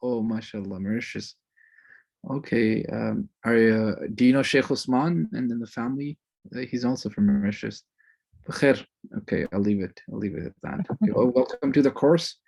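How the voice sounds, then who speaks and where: A man instructor chatting warmly and rambling a little as he greets students on a video call, sprinkling in religious phrases. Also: mid-range voice, moderate pace, gravelly. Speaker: course instructor. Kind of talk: casual chat greeting an online class.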